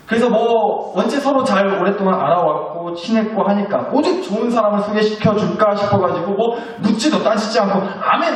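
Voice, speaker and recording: A man preaching a sermon as pastor, telling stories in a lively, joking way. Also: sits high. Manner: lively, joking storytelling with acted quotes. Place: church sanctuary. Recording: echoey church hall, mic from a distance.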